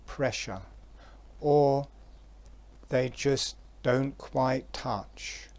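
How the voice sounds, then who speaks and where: With long silences between phrases, a man in a mid-range voice gives guided relaxation directions, speaking softly and calmly.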